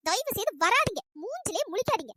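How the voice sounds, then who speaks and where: A performer voicing a fiery young female college student in a cartoon, scolding in an exasperated, pitch-raised voice. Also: very animated, bright, forceful tone, slight background noise, full character voice. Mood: annoyed scolding. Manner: scolding, exasperated, rapid-fire complaints. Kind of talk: cartoon voice acting.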